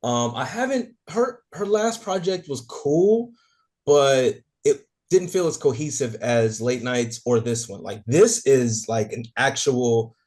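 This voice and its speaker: A man's voice: medium pitch, lively intonation, slow pace, a little mellow. A man co-hosting a casual podcast chat, talking enthusiastically and gushing about what he loves. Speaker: podcast co-host.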